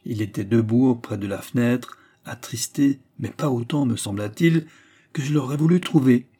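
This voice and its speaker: A man narrating a classic novel as an audiobook, in a measured, even storytelling manner. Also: mid-range voice, breathy edge.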